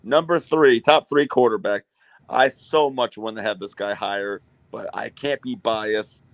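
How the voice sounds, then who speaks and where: Blunt, excitable young man co-host. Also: fairly low pitch, a little slow, no echo. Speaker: podcast co-host. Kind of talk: casual sports chat.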